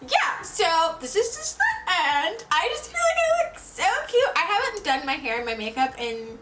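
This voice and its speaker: A woman's voice: very high-pitched, sing-song, normal speed, heavy background noise. A young woman chatting casually through a get-ready-with-me beauty vlog, loose and talky with slang and fillers. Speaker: beauty vlogger.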